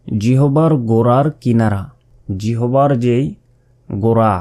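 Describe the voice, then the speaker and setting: Male teacher, unhurried delivery, stretches each sound slowly and repeats it for learners to copy. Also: mid-range voice, warm tone. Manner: drawn-out model sounds repeated and explained patiently. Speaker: Arabic letter pronunciation teacher. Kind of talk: slow step-by-step pronunciation lesson.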